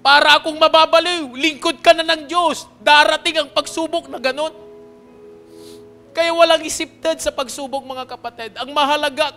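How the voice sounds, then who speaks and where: A man preaching as pastor, telling a personal testimony to his congregation in an earnest manner that swings between hushed and loud, pleading passages. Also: very high voice. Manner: earnest, often checks in with the congregation.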